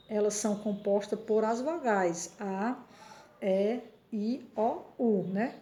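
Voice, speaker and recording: A woman's voice: mid-range voice, mellow. A Brazilian woman teacher giving a patient lesson, often checking in with her listeners and sounding words out syllable by syllable. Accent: Brazilian Portuguese. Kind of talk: slow classroom explanation.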